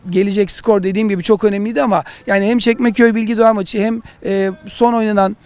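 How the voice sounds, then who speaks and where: A man talking through match analysis as a football pundit, in halting, explanatory phrases. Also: high-pitched, steady tone, darkish tone, smooth. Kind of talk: analytical studio discussion of matches.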